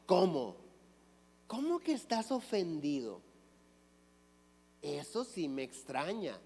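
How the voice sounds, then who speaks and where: A man preaching a sermon in a slow, unhurried delivery, his voice sitting high for a man. He asks his congregation questions and answers them himself. The sound carries the long reverb of a church hall. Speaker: pastor. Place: church sanctuary.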